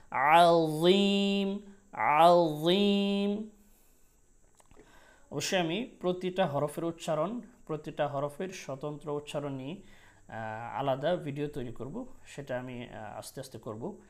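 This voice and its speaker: A man teaching Quran recitation, repeating syllables slowly and explaining pronunciation in quick asides. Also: a little high. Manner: melodic Quran recitation with drawn-out vowels. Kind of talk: spelled-out recitation lesson.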